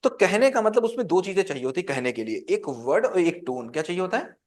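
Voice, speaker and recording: Man, high voice, teacher, interactive lecture, asks the class questions. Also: very animated, fast talker. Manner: quizzes the class with call-and-response questions.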